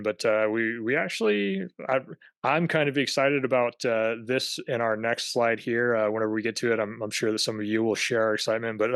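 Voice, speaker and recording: A man presenting on a video-call webinar as a government affairs director, speaking haltingly with many fillers and restarts. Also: on the low side, fairly bright tone, smooth, no room sound.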